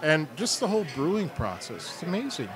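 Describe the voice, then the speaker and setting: A man's voice: a little high, huge pitch swings, a little fast, fairly bright tone, some chatter behind. A middle-aged man co-hosting a beer show in a studio, cracking self-deprecating jokes and laughing often. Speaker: co-host, sales and marketing. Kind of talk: casual comedic chat.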